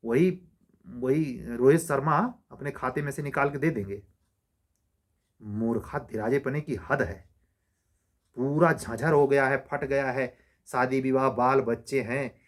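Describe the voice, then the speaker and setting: A male law exam coach lectures his students, mid-pitched and insistent. He scolds and exhorts, firing one rhetorical question after another. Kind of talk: motivational lecture to exam aspirants.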